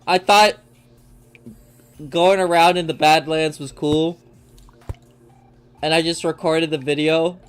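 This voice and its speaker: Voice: medium pitch, steady tone, takes it slowly, long pauses. A young adult livestreamer chatting loosely while gaming, joking and swearing casually.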